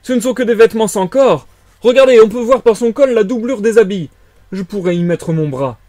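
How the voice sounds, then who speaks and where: A man voicing an excitable village shopkeeper in a read-aloud story, shouting in high excitement. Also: brisk, no room sound, close to an everyday voice. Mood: astonished. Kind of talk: audiobook character reading.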